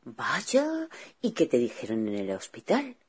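A woman's voice: a bass voice, wildly swooping pitch, a little slow, a little mellow, slightly rough. A woman hosting a children's show who patiently reassures a child character and explains things simply.

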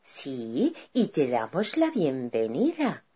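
A woman's voice: low-pitched, wildly swooping pitch, slow, warm tone, slightly rough. A woman radio host, welcoming and encouraging a young caller on air.

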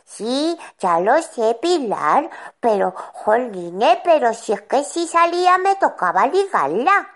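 A woman's voice: high-pitched, sing-song, slow pace, exaggerated voice. A woman voicing a chatty, stubborn little boy who tells a children's-show story and acts out every voice in it. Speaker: child character.

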